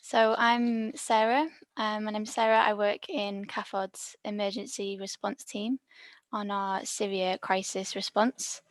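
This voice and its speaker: A woman from the Liverpool area leading a calm, prepared reflection on a video call. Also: mid-range voice, unhurried, no echo. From Liverpool area, England.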